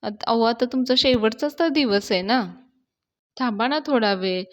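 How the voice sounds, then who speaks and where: A woman voicing a warm-hearted young man who coaxes and teases, calling the girl "madam" in a rustic way. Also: a little high, moderate pace, muffled recording, natural voice. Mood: pleading. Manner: coaxing, rustic idioms, calls her "madam".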